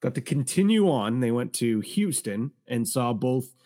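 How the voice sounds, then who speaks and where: A man's voice: medium pitch, sing-song, a little slow, mellow. A man chatting casually as a podcast co-host. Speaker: podcast co-host and sports broadcaster. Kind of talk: casual chat.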